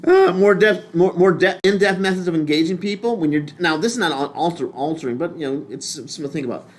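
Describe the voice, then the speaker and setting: A man's voice: a little high, quick pace. An older man teaching a lay ministry class in a casual, rambling way, often restarting his sentences.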